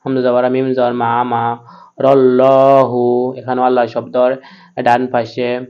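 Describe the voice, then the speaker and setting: A man teaching Quran reading by spelling out the syllables, chanting the verses slowly and explaining the rules in quicker speech, with a Bangladeshi Bengali accent. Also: mid-range voice, completely flat delivery, lo-fi sound. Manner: slow drawn-out chanting of Arabic syllables between quick explanations. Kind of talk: spelling-out Quran recitation lesson.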